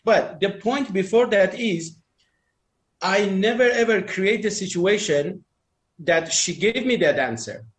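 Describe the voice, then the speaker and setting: Higher-voiced man rambling in a group chat. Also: a little slow. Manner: rambling, restarts, non-native phrasing. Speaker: dating talk panelist. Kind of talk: casual group chat, opinionated.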